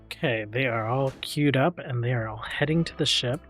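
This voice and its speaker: A man hosting a let's play, calmly thinking aloud with frequent fillers as he plays a strategy game. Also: medium pitch, moderate pace, faint music behind. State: hiccups. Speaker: gaming channel host.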